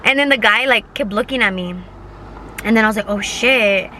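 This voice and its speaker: A woman's voice: a little high, fairly quick, bright, forceful tone, slight background noise. A young woman in her twenties chatting casually while she eats in a parked car, rambling through a story with lots of fillers and easy swearing. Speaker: vlogger. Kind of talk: casual mukbang storytime chat.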